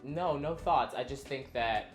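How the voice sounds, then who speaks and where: Guy guest chatting casually, medium pitch, music clearly playing behind, roomy sound. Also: a little slow. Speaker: actor guest on the show. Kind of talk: casual chat.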